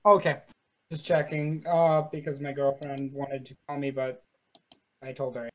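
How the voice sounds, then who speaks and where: A player breaks into a tabletop game with quiet, casual asides, talking slowly and softly. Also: mid-range voice, level tone.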